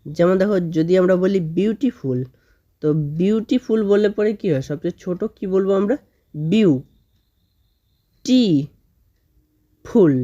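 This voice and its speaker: A woman teaching a grammar lesson for children, slowly sounding out words syllable by syllable and often checking in with her students. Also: mid-range voice, mellow, muffled recording. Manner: slow drawn-out spelling of words, syllable by syllable; frequent "okay?" check-ins with students.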